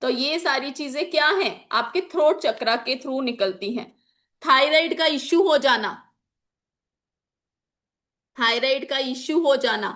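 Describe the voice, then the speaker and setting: Speaking slowly with frequent pauses, a woman with a high, fairly bright voice gives a relaxed lesson in her online chakras and magical oils class. She has a slightly sore throat, goes step by step through examples, repeats important phrases for her students, and drops in English terms.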